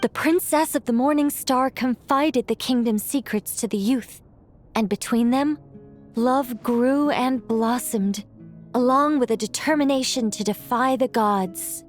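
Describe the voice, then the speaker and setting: A woman plays an ancient female angel who tells tales in a video game, her natural voice sitting somewhat high. Her solemn storytelling is eloquent and measured, with a playful, wry, gently teasing edge, as music plays behind her in this mix of character acting and storybook narration.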